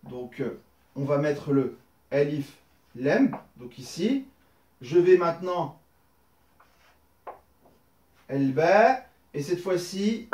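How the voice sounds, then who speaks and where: Man, teacher, slightly high voice, patient step-by-step explaining, roomy echo. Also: a little mellow, distant mic. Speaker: Arabic teacher. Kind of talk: recorded lesson.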